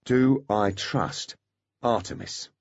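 A fretful male centaur tech expert in a storybook, pitched higher and brighter than the narration, as a man puts him on. The voice is husky and full of nervous questions, and the recording sounds a little dull. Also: big pitch swings, unhurried, dry recording. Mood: worried, wry.

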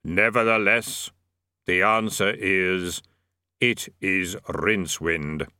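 A man voicing Death, a tall skeletal reaper who speaks slowly, gravely and dryly. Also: deep voice, fairly even intonation, sharp tone, no echo, pitched below the performer's own voice, exaggerated voice. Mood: solemn, dry. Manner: measured, grave, dry.

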